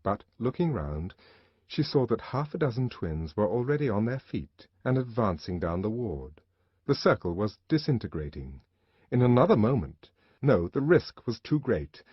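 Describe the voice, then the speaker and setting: Husky, expressive male audiobook narrator. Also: lowish voice, normal speed, dry recording. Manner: dramatic, expressive reading. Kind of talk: scripted literary narration. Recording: dull lo-fi audiobook recording.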